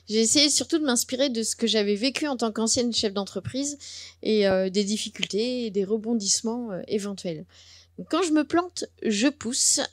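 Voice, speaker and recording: A woman's voice: on the high side, no echo, clean studio sound. A middle-aged woman, a lecturer and former business owner, giving an emphatic introductory talk.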